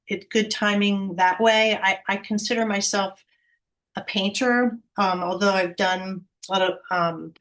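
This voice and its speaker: A woman painter introducing herself on a video call in a halting way with many pauses. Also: medium pitch, a bit bright. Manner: halting, many fillers and restarts. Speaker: painter and class participant.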